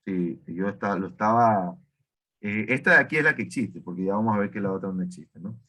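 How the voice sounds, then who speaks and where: A man's voice: lowish voice, fairly quick, bright, forceful tone. A man teaching an online math class, asking students questions and often correcting himself. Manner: questioning, self-correcting, many fillers.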